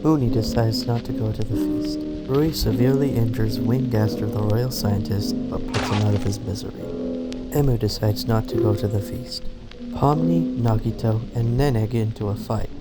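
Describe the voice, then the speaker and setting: A man's voice: fairly low pitch, moderate pace, rough recording. A man giving a hammy, theatrical dramatic reading as narrator of survival-game events. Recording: music under the voice. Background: background music.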